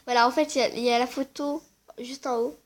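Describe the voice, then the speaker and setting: A woman's voice: sits high, fairly even intonation, fast talker. A woman casually walking viewers through her game character, chatty and hesitant, muttering asides under her breath. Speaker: game vlogger. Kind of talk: casual game walkthrough chat.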